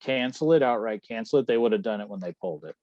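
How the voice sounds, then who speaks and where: A man's voice: fairly low pitch, quick pace, dry recording. A man talking as a guest in a casual podcast chat, rambling and correcting himself as he speculates. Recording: dull dry lo-fi sound.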